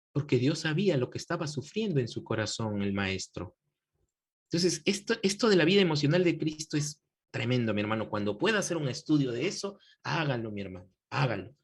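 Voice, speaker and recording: Husky-voiced man teaching a Bible class. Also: on the high side. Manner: preacherly, asks the class questions and calls them brothers. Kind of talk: pastoral lecture to a class.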